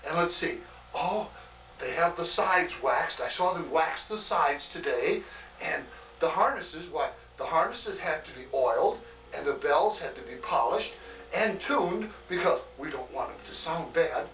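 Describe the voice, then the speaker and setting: A man playing a hearty, fatherly old Santa Claus in an acted greeting monologue, chuckling often and talking in a slow, homely way full of "oh" and "why". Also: on the high side, expressive, fairly bright tone, reverberant, far from the mic, slight background noise, low-quality recording. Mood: jolly.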